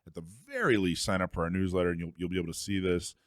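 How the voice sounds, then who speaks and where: A man's voice: sits low, very fast, dry recording, studio quality. A man hosting a talk radio show, chatting casually and joking with his co-hosts, often restarting his sentences.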